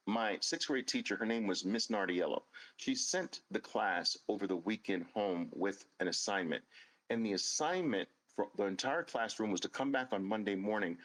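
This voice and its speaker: A man's voice: fairly low pitch, fairly bright tone, poor audio. Earnest emphatic man in his fifties. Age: 50s. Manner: earnest, emphatic, repeats phrases for stress. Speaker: host. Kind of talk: personal storytelling monologue.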